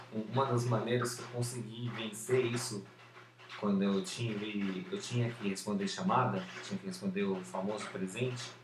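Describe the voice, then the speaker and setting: A man talking to a camera about overcoming a stutter, slowly, with some repeated syllables and many fillers. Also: fairly low pitch. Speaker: former stutterer sharing his method. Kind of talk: unscripted talk to camera. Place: indoor room with an open window and street noise. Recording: roomy, distant camera sound with faint background noise.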